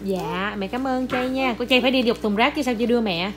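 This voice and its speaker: A woman's voice: a little high, fairly quick. A young woman and mother chatting casually to viewers in a home family vlog. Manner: chatty, addresses viewers as aunts and uncles. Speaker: vlogger and mother.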